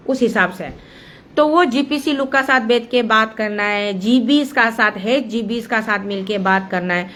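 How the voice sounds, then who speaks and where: A woman's voice: a little high, a bit bright. A woman with an Arunachal accent giving an impassioned monologue, explaining a procedure step by step and mixing English phrases into her Hindi. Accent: Arunachal Pradesh. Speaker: activist speaking on a local dam issue.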